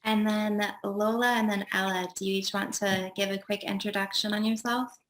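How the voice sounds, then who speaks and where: A woman's voice: medium pitch, little pitch movement, moderate pace, fairly bright tone, a little hiss or hum. A woman hosting an online panel, introducing speakers in an upbeat tone with frequent "um" fillers over a video call. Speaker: host and event organizer. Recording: echoey room.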